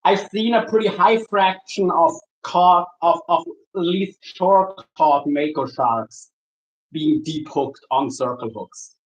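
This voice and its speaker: A man from Germany, a shark angler chatting casually with viewers while he works, easygoing and halting, often restarting his sentences. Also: a little high, highs cut off. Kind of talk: casual livestream chat while working.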